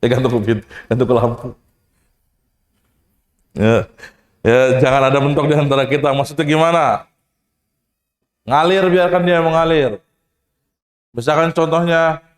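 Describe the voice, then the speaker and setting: A man teaching Quran recitation, asking the class questions, demonstrating sounds, adding casual jokes. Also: fairly high pitch. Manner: casual, joking asides. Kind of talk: tajwid lesson to students. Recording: echoey hall with long reverb.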